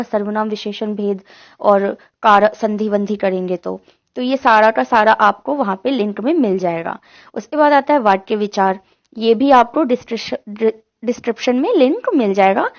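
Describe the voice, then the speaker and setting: A woman's voice: mid-range voice, highs cut off. A woman teaching an online lesson, explaining step by step and asking and answering her own questions.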